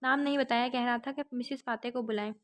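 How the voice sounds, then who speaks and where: A woman's voice: fairly high pitch, steady tone, lightly acted. Brief: deferential house maid, read by a woman, audiobook novel. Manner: respectful, deferential. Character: humble female house servant.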